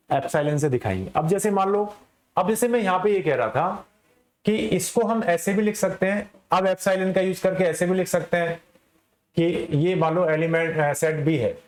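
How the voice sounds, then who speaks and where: High-voiced maths teacher, echoey room. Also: male voice. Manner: explains step by step, asks and answers his own questions. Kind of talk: classroom lecture.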